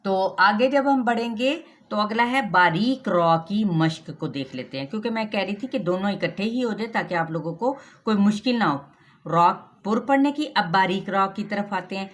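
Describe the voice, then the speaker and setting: A woman with a Pakistani Urdu accent teaching Quran recitation rules, patiently explaining step by step and drilling each sound slowly. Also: mid-range voice, animated. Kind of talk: tajweed lesson with recitation.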